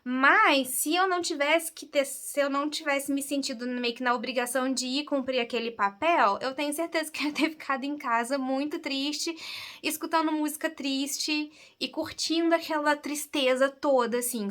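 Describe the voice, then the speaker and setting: A woman's voice: high-pitched, fairly even intonation, normal speed, fairly bright tone. A woman with a Brazilian Portuguese accent hosting a podcast, thinking aloud in a candid, reflective casual monologue. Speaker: podcast host.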